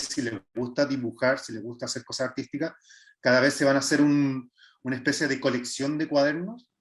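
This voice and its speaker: Hesitant Chilean man presenting an art workshop. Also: mid-range voice. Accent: Chilean Spanish. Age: 30s. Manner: hesitant, with frequent filler sounds and restarts. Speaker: visual artist leading a workshop.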